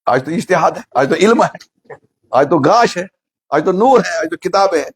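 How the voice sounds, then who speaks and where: A high-pitched, expressive, slightly rough voice belongs to an Islamic preacher giving a sermon. He tells a funny story, performing its characters, and asks his audience questions.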